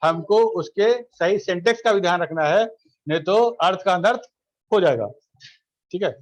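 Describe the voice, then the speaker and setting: A man's voice: high-pitched, moderate pace. A middle-aged man, giving an online college class in a conversational way, repeating phrases and checking that students follow. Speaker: college lecturer.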